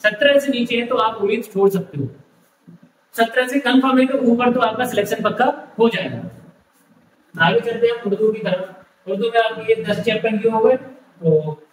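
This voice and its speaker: A man's voice: extremely high pitch, normal speed, roomy sound, far from the mic, a little hiss or hum, low-quality recording. A male tutor explaining an entrance exam syllabus, listing topics one by one and repeating himself. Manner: repetitive, lists topics one by one.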